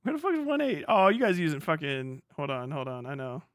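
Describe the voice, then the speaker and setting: Brisk and sing-song, this middle-aged man's somewhat bright, higher voice comes through in a clean, dry studio recording. As a livestream host and ex-Marine, he rambles through casual reaction commentary packed with slang and cursing.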